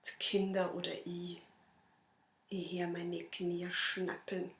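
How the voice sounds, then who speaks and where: A woman with a Bavarian accent, a cabaret performer reciting a dialect poem in a measured, rhythmic way. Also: lowish voice, monotone, fairly bright tone, echoey room. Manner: measured, rhythmic verse delivery.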